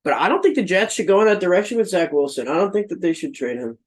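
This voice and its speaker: Laid-back young man, slightly high voice. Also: lively intonation, fast, low-quality recording. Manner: laid-back, says dude and man a lot. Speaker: podcast co-host. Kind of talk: casual sports podcast chat.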